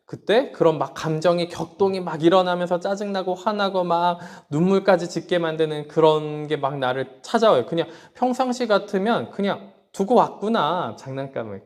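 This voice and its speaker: A man preaching a sermon to children, telling a family story and often asking his listeners questions. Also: fairly high pitch. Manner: warm storytelling with questions to listeners and light laughs; acts out a child's quoted words. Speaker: pastor.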